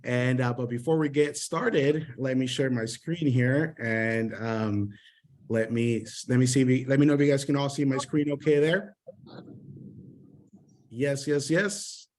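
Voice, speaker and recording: A man's voice: medium pitch, a little slow, a little mellow. A man from Honduras, a sales mentor, giving an upbeat motivational training over an online call, with many fillers and repeated words.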